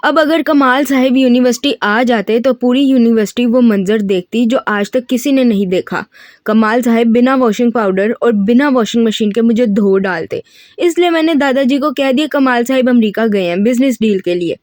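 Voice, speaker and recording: A woman's voice: fairly high pitch, darkish tone, no room sound, clean studio sound, natural voice. A woman voicing a mischievous 25-year-old male university student in an audiobook reading of a novel, boastful and joking. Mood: scheming. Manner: boastful, joking, rapid storytelling.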